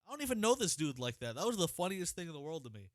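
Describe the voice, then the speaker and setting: Man co-hosting a podcast, casual profane rants, fairly high voice, dry sound. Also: rapid-fire, dry recording. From Ohio, United States. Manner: profane, animated ranting. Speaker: podcast co-host. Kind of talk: casual chat.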